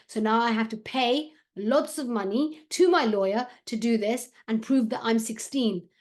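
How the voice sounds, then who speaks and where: A woman reading aloud, voicing a worried sixteen-year-old Syrian boy who speaks halting English with a Syrian accent. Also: a little high, darkish tone, natural voice. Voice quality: halting, slightly broken English.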